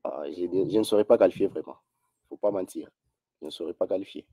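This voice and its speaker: A man's voice: low-pitched, fast, dark tone, breathy edge, no echo. A man speaking as a debate guest, formal and hesitant, stammering as he answers. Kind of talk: debate on a call.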